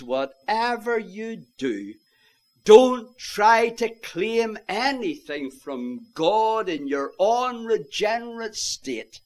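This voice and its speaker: A man preaching an evangelistic sermon, earnestly pleading with his listeners and rising to loud, impassioned calls. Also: high voice. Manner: old-fashioned biblical phrasing.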